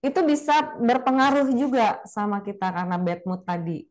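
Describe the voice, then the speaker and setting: A woman speaking casually in a webinar on public speaking, chatty and lively, demonstrating different intonations, over a video call mic. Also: on the high side, moderate pace. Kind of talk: casual spoken lecture.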